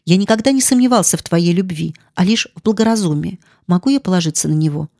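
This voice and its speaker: Woman reading a grave young gentleman. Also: lowish voice, creaky, no echo, clean studio sound. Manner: grave, measured.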